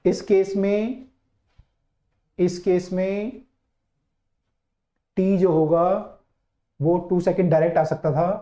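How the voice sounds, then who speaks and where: A man's voice: on the high side, warm tone. Coaxing male physics teacher, echoey room. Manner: chatty, coaxing, repeats key points. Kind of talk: online class lecture. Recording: dull, roomy online-class audio.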